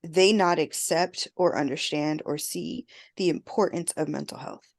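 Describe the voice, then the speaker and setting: A woman therapist co-hosting a podcast in casual chat, a bit hoarse and clearing her throat as she loses her voice. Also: low voice, measured pace. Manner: conversational, reflective.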